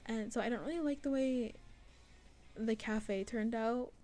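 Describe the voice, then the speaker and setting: A young woman who makes art and games narrates a devlog a little slowly, her voice on the high side with a dark tone. She rambles casually about her artwork, giggly and self-deprecating, dropping "like" throughout.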